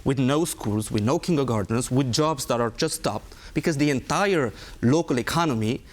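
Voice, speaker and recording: A man's voice: medium pitch, normal speed. Emphatic male guest. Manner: emphatic, pointed, rhetorical questions. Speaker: guest, former diplomat. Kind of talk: interview answers.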